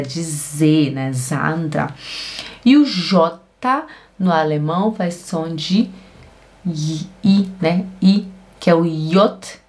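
A woman teaching German in Brazilian Portuguese, slowly and patiently repeating each phrase. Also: fairly low pitch. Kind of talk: language lesson.

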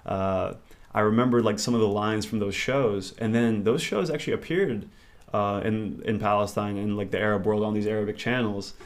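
In a relaxed interview chat, the man being interviewed muses aloud, rambling and reflective. His voice is lowish and his speed normal.

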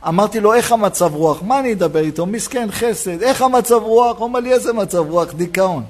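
A rabbi preaching a sermon in a synagogue, telling a personal story and acting out the dialogue. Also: male voice, high-pitched. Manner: animated storytelling, acts out dialogue.

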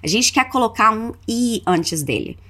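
Speaking at normal speed, this woman has a slightly high, expressive voice with a bright, forceful tone. She's a Brazilian-accented podcast host teaching a scripted language lesson, enunciating example phrases carefully so listeners can repeat after her in drills.

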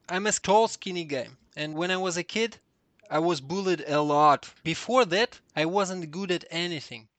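Higher-voiced Russian man chatting earnestly. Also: a bit bright, no echo. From southern Russia. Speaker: interview guest, 3D artist. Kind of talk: casual conversation.

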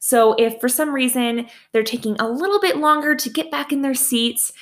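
A woman's voice: sits high, normal speed, a bit bright. Friendly woman teacher giving classroom tips. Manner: friendly, practical, laughs lightly at own slips. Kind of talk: casual instructional talk.

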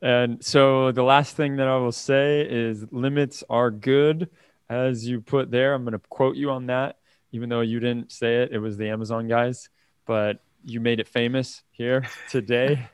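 A man hosting a casual tech interview, upbeat and quick to laugh as he sums up and closes the show. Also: mid-range voice, fairly even intonation, clear, resonant tone, dry recording. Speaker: host.

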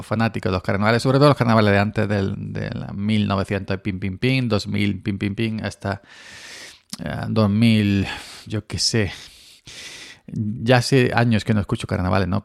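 Podcaster from Andalusia, low gravelly voice, dry close sound, rambling chat. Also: male voice, dry recording. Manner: rambling, with frequent restarts and chuckles. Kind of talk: casual monologue.

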